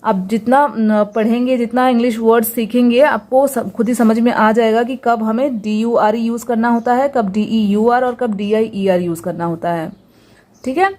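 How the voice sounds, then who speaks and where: In a Hindi-language lesson on English pronunciation, a woman patiently repeats each example word and poses rhetorical questions. Her voice is a little high and mellow, with fairly even intonation and a moderate pace.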